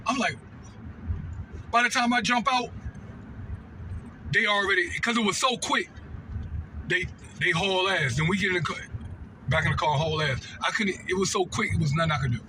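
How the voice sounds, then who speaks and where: A storytelling vlogger, an American man with a high, sharp voice, shares a personal story casually at a moderate pace, pausing often. His off-the-cuff talk is slangy and repetitive, peppered with "right?" and "know what I mean" to check the listener follows. The audio is poor, carrying a little hiss or hum.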